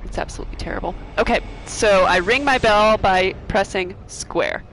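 A chatty woman streamer talks through her game live at a middling pitch, bubbly and joking. Her voice is easy and conversational. A faint hiss of noise sits under her. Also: a bit bright, low-quality recording. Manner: bubbly, chatty, quick to laugh and joke. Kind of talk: casual live-stream chat.

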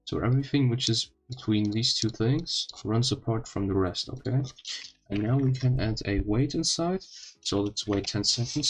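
Slow, slightly impeded low-voiced man. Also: low-quality recording. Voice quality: slightly odd, impeded speech after wisdom teeth removal. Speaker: tutorial host. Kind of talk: informal screen-recorded coding tutorial.

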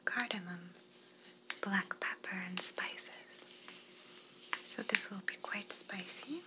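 Slow whispered role-play, courteous flight attendant acted by a woman. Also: mid-range voice, close to an everyday voice, poor audio. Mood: courteous, soothing. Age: young adult. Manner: attentive, polite flight attendant service talk. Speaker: ASMR performer playing a flight attendant.

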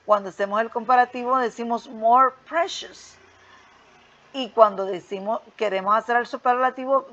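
A woman's voice: a little high, fairly bright tone. A woman teaching English grammar to school students, explaining a worksheet step by step and checking in often with "ok?" and "right?". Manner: patient, repeats "¿ok?" and "¿verdad?" often. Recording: dull lo-fi sound.

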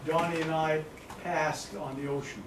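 A man's voice: fairly high pitch, steady tone, normal speed. An older man, a veteran guest speaker, reminiscing in a wry, plain-spoken way. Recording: echoey hall, distant mic, noise.

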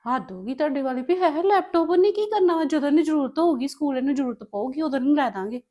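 A woman's voice: high voice, animated, quick pace, dark tone. A woman playing a strict mother who scolds her daughter and insists she get ready. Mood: scolding. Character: strict young mother, firm with stubborn daughter. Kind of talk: family drama acting.

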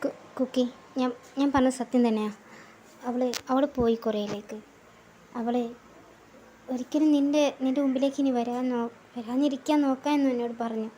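A woman voicing a calm, sly young man friend who talks in a measured, soothing way in a fan audio drama. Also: slight background noise, natural voice. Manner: measured, soothing, low and steady.

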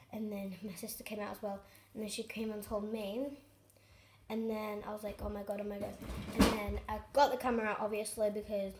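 Excitable rambling woman in echoey room. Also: a little high. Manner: rambling, excitable, lots of fillers. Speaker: vlogger. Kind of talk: casual chat to camera. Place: home. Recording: echoey room with faint noise.

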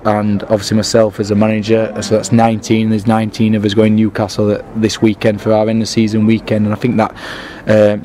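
A man, a football manager talking after a match with pride and many restarts. His voice sits low and mellow, with little rise and fall. Faint stadium noise hums behind him. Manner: proud, repetitive restarts. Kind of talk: post-match interview.

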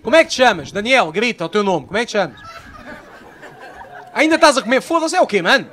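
Portuguese stand-up guy, high voice, loud and sweary crowd work, a bit of noise behind. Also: big pitch swings, quick pace. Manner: loud, profane banter with the audience. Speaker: stand-up comedian. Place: comedy stage before a live audience. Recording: live show with faint crowd noise.

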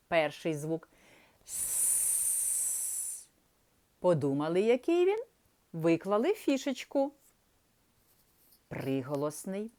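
A woman teaching young children to read, speaking slowly and drawing out each sound in a sing-song way. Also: fairly low pitch, darkish tone. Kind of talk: primary school literacy lesson.

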